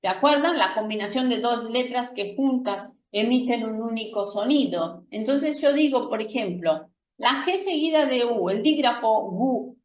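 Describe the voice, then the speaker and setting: A woman teaching a careful lesson, speaking slowly in a fairly high voice. She repeats example words patiently and keeps checking that her students follow. The mic sits some way off in a roomy, echoing space. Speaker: Spanish teacher. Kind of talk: slow, careful classroom explanation. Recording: echoey room from a distant mic.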